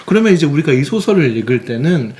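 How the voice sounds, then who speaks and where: A man's voice: a little high, sing-song, quick pace, darkish tone. A man hosting a casual podcast discussion who keeps summing up what the others say and murmurs along while they talk. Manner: sums up others' points, frequent murmured backchannels.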